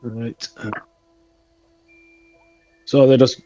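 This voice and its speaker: A man playing a tabletop game, talking bluntly and speaking up forcefully. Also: mid-range voice, little pitch movement, very slow, lo-fi sound, faint music behind. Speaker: player. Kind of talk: casual tabletop play.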